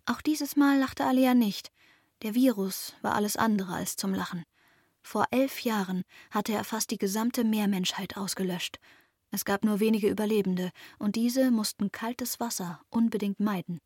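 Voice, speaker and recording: A woman narrating a children's fantasy story in lively, expressive audiobook style. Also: mid-range voice, moderate pace, husky, dry recording, clean studio sound.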